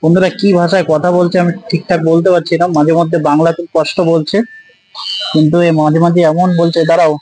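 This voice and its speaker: A man filming a street vlog, coaxing and gently scolding as he asks the same questions again and again. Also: on the high side, flat delivery, fast talker, slight background noise, poor audio. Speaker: vlogger helping a homeless man. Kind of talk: casual street vlog talk. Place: outdoors on a street.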